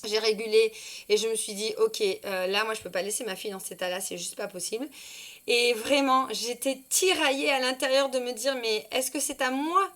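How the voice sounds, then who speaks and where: A woman in her thirties with a fairly high voice tells a personal story to camera. She talks with feeling and hesitates often, filling gaps and restarting her sentences as she goes. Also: normal speed, fairly bright tone. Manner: emotional, hesitant storytelling with many fillers and restarts. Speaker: parenting consultant.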